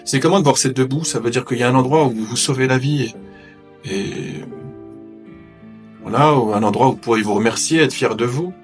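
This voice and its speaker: Man counselling in gentle, probing manner. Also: medium pitch, a little fast, soft background music. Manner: gentle probing, reflects back what is said. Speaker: host counselling a guest. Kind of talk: therapeutic interview.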